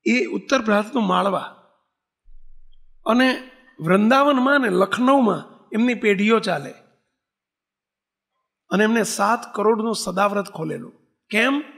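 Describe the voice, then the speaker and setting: A man's voice: sits high, vocal fry, fairly bright tone. A man telling a sacred story in a devotional discourse, acting out the characters and putting questions to his listeners. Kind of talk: Gujarati devotional katha discourse.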